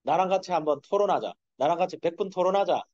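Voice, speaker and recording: A man's voice: high-pitched, fast, darkish tone, dry recording, pitched above the performer's own voice, natural voice. A man voicing a stern God who bluntly challenges a man to debate him, in a sermon. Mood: challenging. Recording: dull, dry lo-fi sound.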